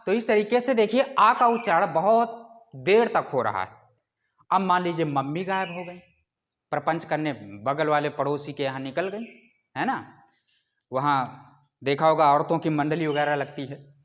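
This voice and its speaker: High-voiced man teaching in a lecture. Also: animated. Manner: explains with rhetorical questions and drawn-out calls. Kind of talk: classroom lecture.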